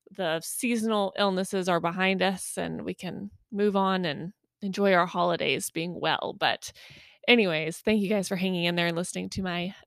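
A woman's mid-pitched voice hosting a weekly podcast. She talks casually and warmly upbeat, with lots of fillers. The recording is dry, with no room sound. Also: no room sound. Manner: chatty, upbeat, many fillers. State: just over a cold. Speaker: podcast host.

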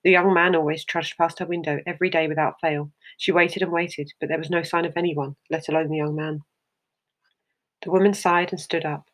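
A narrator reading a short story aloud in a steady, measured way. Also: medium pitch.

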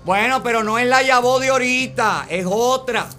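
A man hosts a live call-in game, ribbing his callers with jokes. His voice sits very high and rings bright, with faint music playing under him. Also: normal speed. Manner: joking, teasing. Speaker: host.

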